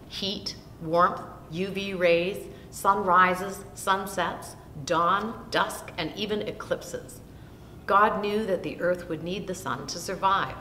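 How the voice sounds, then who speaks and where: Older woman reading a children's Bible story. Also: a bit bright. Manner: slow, deliberate reading of long lists. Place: small indoor room, seated in an armchair. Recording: roomy echo with long reverb and faint rumble.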